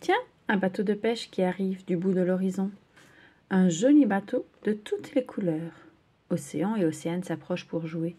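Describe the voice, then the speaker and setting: Woman narrator for a kids' story, warm mellow voice, a bit husky, gentle and expressive. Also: on the low side. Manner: gentle, expressive read-aloud. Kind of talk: children's story reading.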